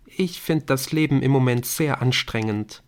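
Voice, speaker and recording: A man's voice: mid-range voice, moderate pace, pitched above the performer's own voice, natural voice. A man reading an audiobook, voicing a thoughtful teenage girl who talks in a level, matter-of-fact way. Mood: calm.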